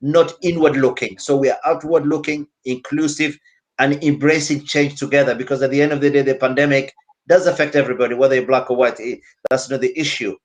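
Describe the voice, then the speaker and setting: A man from Somalia representing a community centre speaks earnestly in a panel discussion over a video call. His medium-pitched voice is fairly quick with fairly even intonation, and he repeats his key phrases.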